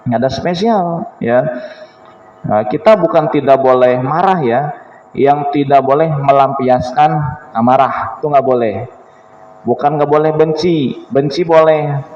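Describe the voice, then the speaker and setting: A man's voice: medium pitch, slight background noise. A man giving a casual, joking sermon to a mosque congregation. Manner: chatty, jokes with the congregation, laughs. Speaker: preacher. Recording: echoey hall, dull lo-fi sound.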